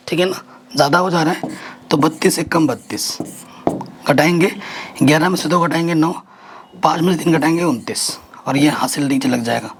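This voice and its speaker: Standing at a whiteboard, a man gives a math lesson in a voice a touch on the high side, posing each next step to his students and then answering it himself. Steady background noise and the scratch of writing run through the recording.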